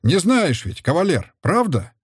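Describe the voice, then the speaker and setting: A man reading aloud, voicing a jovial middle-aged soldier uncle who teases his young nephew in a hearty, lively way. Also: a little high, measured pace, husky, no room sound, clean studio sound, pitched above the performer's own voice, heavily acted. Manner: hearty, teasing.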